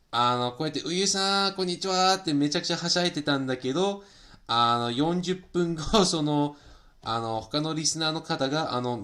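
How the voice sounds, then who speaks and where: A man's voice: a little high, fairly bright tone. Chatty bilingual man streaming while crafting. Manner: switches between Japanese and English, many fillers, laughs often; polite, chatty, greets viewers by name. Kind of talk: casual chat stream.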